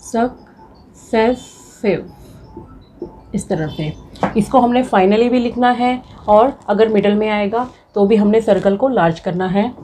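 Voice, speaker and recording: A woman's voice: medium pitch, fairly even intonation, dark tone, a little hiss or hum, low-quality recording. A woman teaching a shorthand class, patiently repeating each word to drill it. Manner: patient, repeats words slowly to drill them. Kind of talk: slow classroom explanation.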